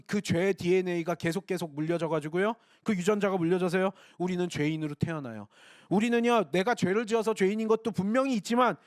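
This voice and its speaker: A male pastor delivers a sermon in a high voice and at a quick clip. He is earnest and conversational and keeps turning to address his listeners directly. The sound is dry and close. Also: darkish tone, no room sound. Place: church.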